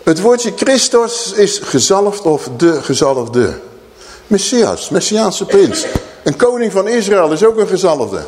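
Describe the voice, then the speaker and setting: A man's voice: high voice, sing-song, takes it slowly, a little mellow, in a large hall. A man preaching a sermon in an earnest teaching style, asking rhetorical questions.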